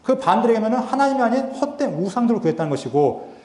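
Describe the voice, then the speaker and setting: A man teaching a Bible seminar with a high, light voice. He talks in an earnest lecturing tone and keeps posing questions he answers himself. The sound rings around a roomy lecture hall. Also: very animated, racing, a little mellow. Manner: earnest, asks and answers his own rhetorical questions. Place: lecture hall at a theological university.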